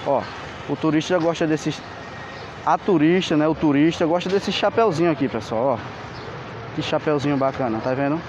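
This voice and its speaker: The lo-fi sound from a handheld camera picks up street noise as a travel vlogger with a Pernambuco Portuguese accent tours an outdoor market on foot. At a moderate pace and in a fairly high voice, he points things out and asks his audience for likes.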